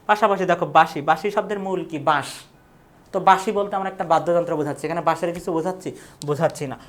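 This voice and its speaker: A woman's voice: fairly low pitch, fast. A young woman teaching an exam prep lecture, asking questions and answering them herself. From Bangladesh.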